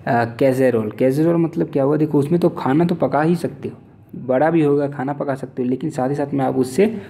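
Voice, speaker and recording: A man with an Indian accent gives an exam-prep vocabulary lesson in a very dark, mellow voice. He reads each English definition out slowly, then explains it in Hindi, often checking in with "theek hai". His pitch sits in the middle for a man. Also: creaky, a little hiss or hum. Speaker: teacher.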